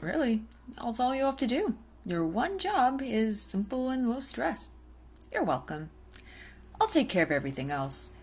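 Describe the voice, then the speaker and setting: In an intimate ASMR roleplay, a woman with a lowish, husky voice plays an obsessive, possessive female vampire. She often slips into whispers, sounding hungry and coolly domineering.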